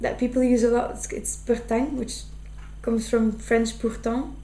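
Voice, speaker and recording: A young Flemish woman from Flanders, Belgium, whose first language is Dutch, speaks with a Flemish accent in a casual interview. Her fairly high voice has a dark tone and flat delivery at a measured pace, and she's thoughtful, using lots of fillers and restarting sentences. The room is echoey with a faint hum.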